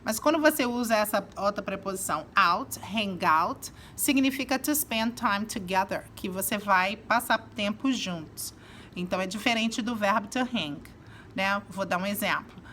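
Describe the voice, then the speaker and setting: Brazilian teacher explaining English phrases. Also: female voice, mid-range voice, expressive, pushed and bright, slight background noise. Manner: explains slowly, acts out English example phrases. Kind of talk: casual video lesson.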